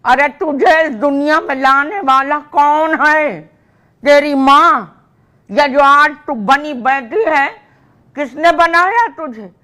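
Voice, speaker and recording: A woman's voice: sits high, takes it slowly, a bit bright. An older woman with an old plays a scolding mother in a comedy drama, tossing out proverbs as she talks. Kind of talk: scripted comedy drama dialogue.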